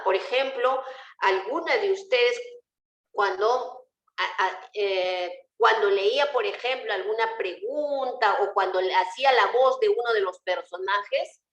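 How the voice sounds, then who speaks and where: Woman teacher on a roomy video call. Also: on the high side. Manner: patient, asks students rhetorical questions. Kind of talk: online class lecture. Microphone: computer mic on a video call.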